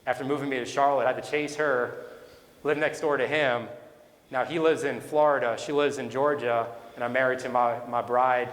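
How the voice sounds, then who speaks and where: A man's voice: mid-range voice, steady tone, normal speed, a bit bright. Man telling his story in an echoey hall. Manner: conversational, rambling with restarts and asides. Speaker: speaker. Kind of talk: personal testimony talk. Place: event hall. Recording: echoey hall with long reverb.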